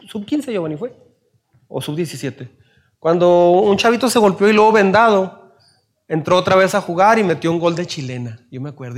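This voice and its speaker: A man with a Mexican Spanish accent preaching a sermon, asking his listeners questions and acting out little scenes in raised voices. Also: a little high. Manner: asks the audience questions. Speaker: pastor.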